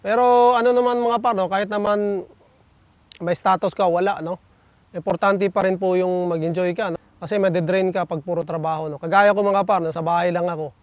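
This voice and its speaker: A man's voice: sits high, steady tone, a little fast, no room sound, highs cut off. A man vlogging outdoors in nature, reading and answering viewer comments in casual chat, with a chatty manner and frequent tag questions to his viewers. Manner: chatty, peppers lines with tag questions, addresses viewers as buddies.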